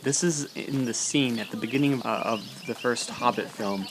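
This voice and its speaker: A man's voice: mid-range voice, moderate pace. A man giving a guided tour outdoors, informative and pointing out sights. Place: outdoors on a film set. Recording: noisy outdoor camera audio.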